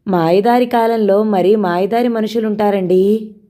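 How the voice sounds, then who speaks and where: A woman voicing a polite, harried young village housewife with soft, quick replies. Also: medium pitch, fairly even intonation, natural voice.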